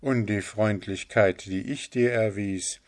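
A man's voice: lowish voice, steady tone, slow. A man voicing a meek, anxious enslaved boy in a fairy tale, in an earnest raised voice.

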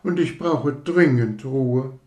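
A man's voice: medium pitch, slow pace, a little mellow, voice pushed up, close to an everyday voice. A man putting on a pompous, haughty rocket. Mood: fussy. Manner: pompous and affected. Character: haughty, self-important firework rocket. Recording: roomy echo.

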